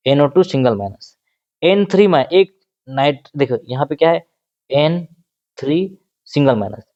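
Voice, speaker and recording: A man's voice: a little high, mellow, lo-fi sound. Man teaching chemistry with constant questions. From India. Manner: asks the class questions and answers them himself; repeats key terms, mixing Hindi and English. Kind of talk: exam-prep lecture.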